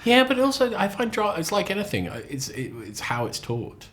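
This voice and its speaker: A man chatting as a podcast guest, lively and animated, often repeating and restarting his words. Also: brisk. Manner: animated storyteller, acts out quotes with sudden high voices. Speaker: lecturer. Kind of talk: casual chat.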